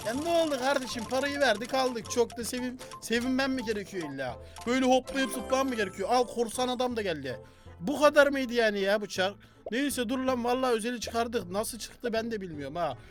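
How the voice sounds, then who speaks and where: A young man doing loud, joking gameplay commentary and talking back to the game characters as he plays. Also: very high-pitched. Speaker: gaming YouTuber.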